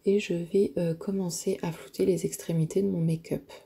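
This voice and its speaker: A woman narrating a makeup tutorial, hesitant and full of filler pauses, often dropping to a near-whisper while she works. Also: lowish voice, flat delivery, vocal fry, dark tone, breathy edge. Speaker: beauty vlogger.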